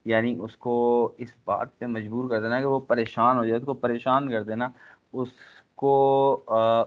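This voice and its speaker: A man teaching a class in a lecture style, pausing often with fillers and speaking directly to his trainees. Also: medium pitch. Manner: frequent filler pauses, addresses class directly. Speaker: instructor. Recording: tinny phone-like lecture recording.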